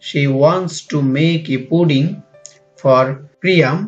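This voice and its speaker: A fairly high-voiced man with a Bangladeshi accent leads a textbook English lesson at a very unhurried pace. He reads each line carefully and then gives it again in Bangla. The audio is muffled and lo-fi, with soft music under his voice. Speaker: English teacher.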